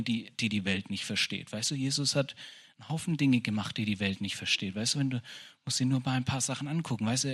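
A man preaching in a loose, conversational way, with many restarts and little asides. His voice sits at a middle pitch and has a husky, breathy grain. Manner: conversational, repeats "weißt du", restarts often. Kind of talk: informal sermon.

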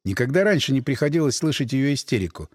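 Man narrating expressively, lively pitch. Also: fast talker, dry recording, clean studio sound, long reverb tail. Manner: expressive, wry storytelling. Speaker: audiobook narrator. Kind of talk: first-person audiobook narration.

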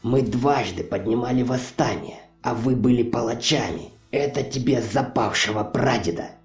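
A man voicing a vengeful young male healer with low, hushed intensity, on a muffled, roomy recording. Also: normal speed, close to an everyday voice. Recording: muffled distant roomy recording, faint music.

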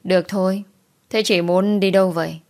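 A woman reading as a gentle young male driver. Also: mid-range voice, steady tone, moderate pace, close to an everyday voice. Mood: concerned.

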